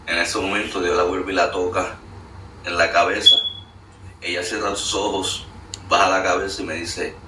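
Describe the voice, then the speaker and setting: Recorded on a distant mic in an echoey room with faint noise, a guest shares his testimony in earnest. His voice sits low with little pitch movement at a moderate pace, and he tells his story with many fillers.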